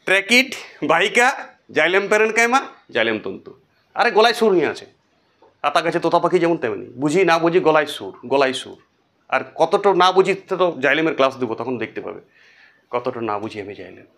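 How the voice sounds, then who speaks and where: Lively man chanting lesson lists. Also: a little high, a little fast. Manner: sing-song chanting of memory lists; lively, repetitive, talks straight to students. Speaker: teacher. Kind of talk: whiteboard biology lesson.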